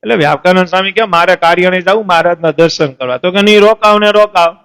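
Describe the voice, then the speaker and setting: A man's voice: sits high, fast talker, a bit bright, smooth. A man, a lay preacher telling devotional stories in a temple assembly, asking his listeners questions and acting out the saints and devotees. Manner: asks the audience questions and answers them, voices saints and devotees in the stories. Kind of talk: storytelling sermon.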